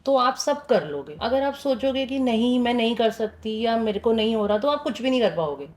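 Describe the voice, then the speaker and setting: A middle-aged woman from India in a casual interview, telling her story in a lively way and acting out what her family said. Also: a little high, normal speed. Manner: animated, acts out family quotes, laughs. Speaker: guest sharing her weight loss story.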